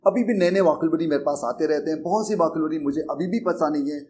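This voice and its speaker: Lecturing in Hindi about learning English, this middle-aged Indian-accented teacher, who also founded a coaching institute, talks quickly in a slightly mellow, higher-pitched voice. He's earnest and conversational, blends English words into his Hindi, and repeats points often.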